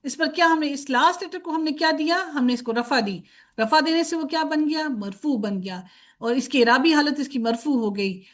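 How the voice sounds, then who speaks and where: Patient woman teaching grammar drills. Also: sits high. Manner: patient, repeats word forms in drills, asks and answers own questions; mixes in English words. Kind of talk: recorded lecture.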